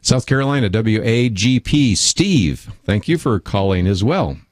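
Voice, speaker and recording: A man hosts a call-in radio show in a low voice, brisk and affirming as he moves from caller to caller. He is close to a dry studio mic. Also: sing-song, no room sound. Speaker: radio talk show host.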